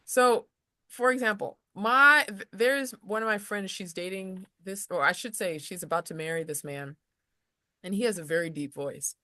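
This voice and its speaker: A woman's voice: mid-range voice, moderate pace, bright, forceful tone, no room sound. A woman casually explaining lesson material as a tutor, rambling a little with restarts and slipping into example voices.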